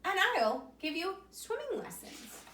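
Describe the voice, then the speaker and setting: A woman's voice: extremely high pitch, sing-song, measured pace, sharp tone, reverberant, distant mic, a little hiss or hum, pitched above the performer's own voice, heavily acted. A woman voicing a stern but kindly older male beaver in a storybook. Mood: gruff.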